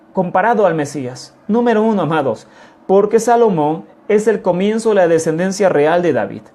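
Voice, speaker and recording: A man teaching a sermon to his congregation. He speaks deliberately, asks rhetorical questions and repeats his key phrases. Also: high-pitched, warm tone. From Mexico. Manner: repeats key phrases, often calls listeners "amados".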